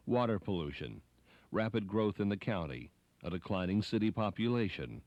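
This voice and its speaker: Scripted documentary narration is delivered by a man whose voice is fairly low and a little mellow. The audio is close-miked, dry, and dull, with almost no room sound and no echo.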